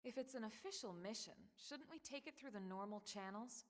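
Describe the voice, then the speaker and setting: A woman voicing a calm, composed female squad leader in a video game, with a cool, level and wry delivery. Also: on the high side, brisk, natural voice.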